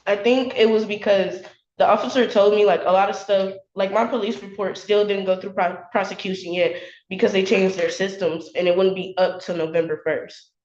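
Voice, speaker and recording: Speaking at a moderate pace with a mid-range, darkish voice and fairly even intonation, a young college student testifies emotionally in court. She's defensive and upset, saying "like" a lot. The courtroom recording sounds echoey and dull, with a little hiss or hum.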